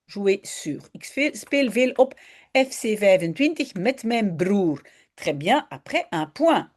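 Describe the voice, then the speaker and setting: A woman's voice: mid-range voice, very animated, slow pace. A woman teaching Dutch, patiently correcting a student's writing and explaining the grammar step by step.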